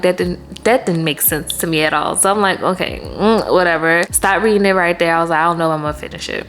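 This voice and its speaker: A woman's voice: lowish voice, a little hiss or hum. A woman, chatting animatedly as a vlogger about her day and a book she read. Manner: chatty, animated, laughs often. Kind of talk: casual chat.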